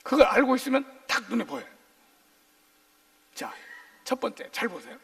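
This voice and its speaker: A male pastor preaching a sermon in a lively, joking way, firing questions at his congregation for call-and-response. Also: very high-pitched, moderate pace, far from the mic. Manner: jokey, playful asides.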